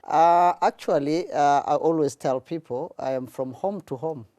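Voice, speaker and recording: A man from Tanzania, answering interview questions in a measured way with frequent hesitations. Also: fairly high pitch, dark tone, dry recording, studio quality. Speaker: guest, public relations officer.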